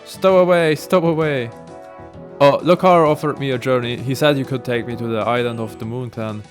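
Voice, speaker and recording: A naive adventurer , read aloud by a man, talks in a polite, slightly hesitant way. The voice has a middling pitch. Faint game music plays behind. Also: fairly even intonation, normal speed, lightly acted. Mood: earnest.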